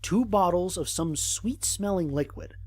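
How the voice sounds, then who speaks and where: A man plays a curious, methodical space explorer in an audio drama, narrating his mission log in a measured, formal manner. His voice sits high and is expressive, with no echo.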